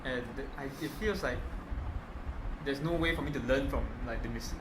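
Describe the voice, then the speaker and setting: A man chats in colloquial Malaysian English, feeling his way through opinions with frequent stops and rephrasing. His voice sits at a middle pitch. The recording is echoey and clearly noisy, as in a group meet-up. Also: fairly quick. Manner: hesitant, rambling, colloquial Malaysian slang English. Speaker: playtest participant, game designer. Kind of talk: casual group discussion. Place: echoey room at a playtest meet.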